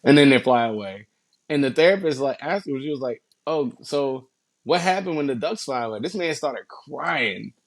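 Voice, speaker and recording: A man co-hosting a casual podcast, telling animated stories full of swearing and casual slang. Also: mid-range voice, normal speed, no echo. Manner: animated storyteller, swears a lot, says bro. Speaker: podcast co-host.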